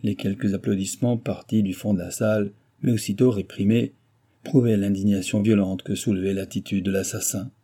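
A man narrating a classic novel in a steady, measured reading. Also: fairly low pitch, breathy edge. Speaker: audiobook narrator. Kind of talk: scripted narration.

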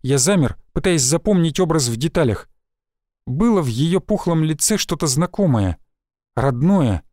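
A man narrating a first-person science-fiction audiobook in a steady, even voice. His pitch sits somewhat high for a man, and the sound is dry and close. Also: moderate pace, no echo.

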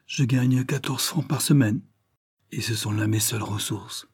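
Man doing gloomy young fugitive, quiet and sombre, dark husky tone. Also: medium pitch, unhurried, dry recording, studio quality. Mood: calm.

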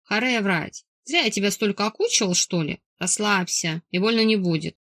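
A woman's voice: medium pitch, normal speed, a bit bright, dry recording. A woman voicing a pushy, brash young suitor in an audiobook read in a dry room. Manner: brash, then bleating.

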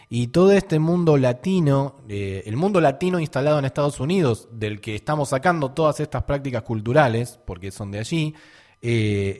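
Hosting a radio show, a man with an Argentine accent chats about music conversationally. His mid-range voice has a slightly mellow quality.

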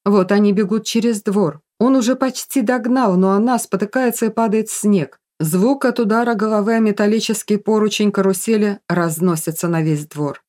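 A woman's voice: mid-range voice, darkish tone. A woman narrating an audiobook in a tense, dramatic reading.

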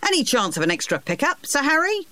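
A man's voice: sits high, big pitch swings, measured pace, a bit bright, no room sound, voice pushed up, exaggerated voice. A man voicing a city watchman who calls out in a raised, hailing voice. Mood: hopeful. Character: adult male city watchman calling out.

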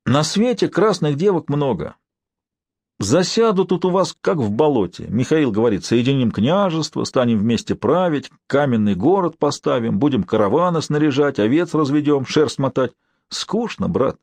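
A man's voice: mid-range voice, animated, normal speed, a little mellow, dry recording, voice pushed up. A man doing a sly, swaggering warrior prince. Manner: sly, teasing, wheedling. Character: swaggering prince, sly, mocking, restless adventurer.

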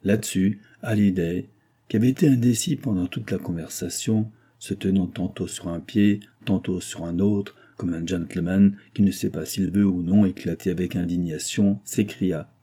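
A man narrating an audiobook in a steady, measured reading. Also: deep voice, breathy edge.

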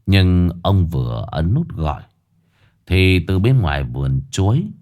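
A man narrating a ghost story in a dramatic, expressive way. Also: low voice, measured pace.

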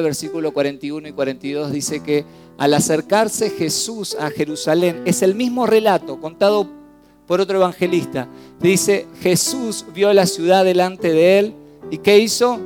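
A man with an Argentine accent delivers a church sermon in a somewhat high voice. He swings between loud, urgent exclamations and hushed, low lines. Soft piano and guitar play faintly behind him. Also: normal speed. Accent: Argentine Spanish. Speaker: preacher. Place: church service.

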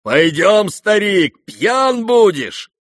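A man voicing a reckless, drunk young male merchant who shouts and drags out his boasts. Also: high-pitched, very animated, no echo, studio quality, pitched above the performer's own voice, heavily acted. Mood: boisterous. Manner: shouting, drawn-out bragging.

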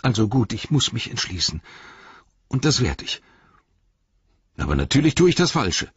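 A loyal young hobbit servant in anguish, pleading and arguing with himself, as a male reader puts him on. The voice rises high and strained over a very husky grain. The audiobook recording is dry and dull. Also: big pitch swings, moderate pace, no room sound. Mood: resolving.

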